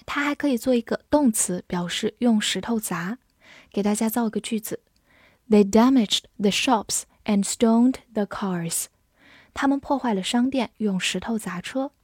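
A woman teaching English vocabulary, who spells words letter by letter and reads example sentences slowly. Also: medium pitch, darkish tone, breathy edge, dry recording, studio quality. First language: Chinese. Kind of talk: slow, clear vocabulary lesson.

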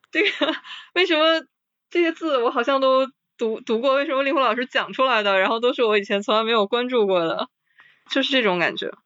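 Woman, casual book chat, slow read-aloud then musing asides, dull lo-fi sound, dry close mic. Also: fairly high pitch, a bit bright, no room sound. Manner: reads list items slowly, then comments with sighing interjections.

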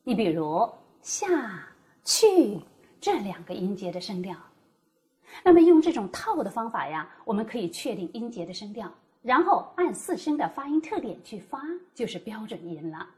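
A woman explaining Mandarin tones as a teacher, demonstrating each tone with exaggerated pitch. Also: big pitch swings, moderate pace, warm tone. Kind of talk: scripted teaching dialogue.

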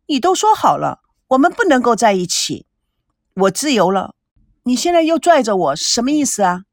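A woman reading a novel aloud, voicing a proud, sharp-tongued young woman with indignant, quick retorts. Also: fairly high pitch, very animated, no echo, clean studio sound. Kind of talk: audiobook character voice.

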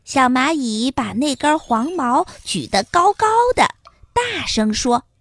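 A woman narrating a children's story in a gentle, sing-song storybook manner. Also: high voice, big pitch swings, slow pace, dry recording.

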